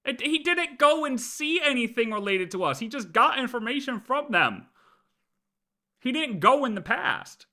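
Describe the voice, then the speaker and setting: With an extremely high, sharp voice and very animated delivery at a moderate pace, a male game streamer chats casually in a livestream reaction. He's argumentative, repeats his points over and over, and uses profanity.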